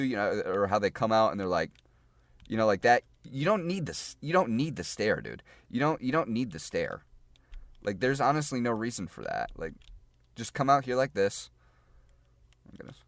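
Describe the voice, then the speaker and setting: A man's voice: mid-range voice, no room sound. A man giving a casual gameplay tutorial, chatty and repetitive, thinking aloud while he plays. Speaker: gaming guide creator.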